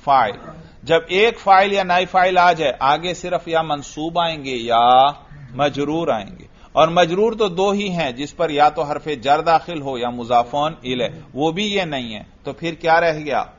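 Patient man drilling grammar, lo-fi. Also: a little high. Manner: coaxing, repeats answers back, quizzes the student. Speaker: Arabic grammar teacher. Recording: lo-fi recording.

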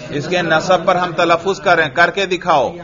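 A man's voice: high-pitched, steady tone, crowd noise. A male teacher leading a classroom grammar drill, asking questions and answering them himself, chanting the parsing in a sing-song. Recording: dull lo-fi sound.

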